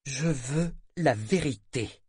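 A man's voice: a little high, lively intonation, measured pace, husky, no room sound, voice pushed up. A curt, anxious mother, as a man voices her in a storybook, snapping out short demands. The voice is lifted well above a man's usual register and pressed with urgency. It is recorded close and dry. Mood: calm firm. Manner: curt, sharp. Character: sharp, worried middle-aged mother.

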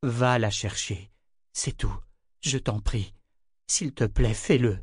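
A drunk and worn-out grown man, as a male narrator puts him on, pleading in a slow, slurred drawl. The voice is pushed higher than the reader's own and rises as he begs. Recorded close and dry, with no room sound. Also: husky, dry recording. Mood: weary pleading.

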